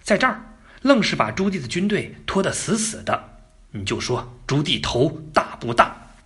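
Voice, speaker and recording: A man's voice: fairly high pitch, big pitch swings, normal speed, a bit bright. A man telling history as a casual story, colloquial and joking, with asides to the listener. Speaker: narrator.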